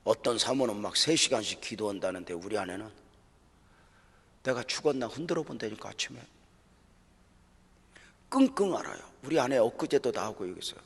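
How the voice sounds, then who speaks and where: A middle-aged man preaching to fellow pastors at a seminar, telling a personal story with strong feeling, sinking to a hush and then rising loud again. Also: on the low side, fast talker, gravelly, husky. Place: church hall. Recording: long reverb of a large hall.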